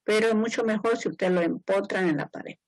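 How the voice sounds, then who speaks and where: A woman's voice: mid-range voice, fairly quick, no echo, rough recording. Woman teacher, repetitive check-ins. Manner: repeats points and checks in with the students; informal, conversational explaining. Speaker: engineering teacher. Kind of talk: classroom lecture.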